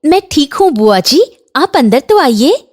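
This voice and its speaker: A woman's voice: high-pitched, big pitch swings, a little slow, a little mellow, voice pushed up. A woman voicing a polite young daughter-in-law in a cartoon, eager to please. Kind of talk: Hindi cartoon voice acting.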